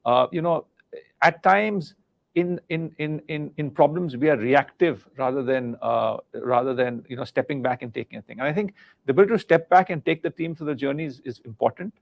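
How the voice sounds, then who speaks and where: A middle-aged man from India speaks quickly and earnestly, a little high in pitch. His voice has a gravelly edge, and he repeats words as he gropes for the next thought. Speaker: guest, former senior business leader. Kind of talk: live interview on leadership.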